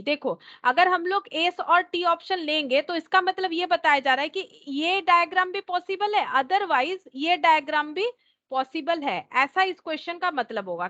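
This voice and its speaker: A woman's voice: very high-pitched, bright, forceful tone, muffled recording. A woman teacher working through a test question step by step, thinking aloud and repeating each point, with English terms mixed into her talk. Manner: mixes English terms into Hindi. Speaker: reasoning teacher.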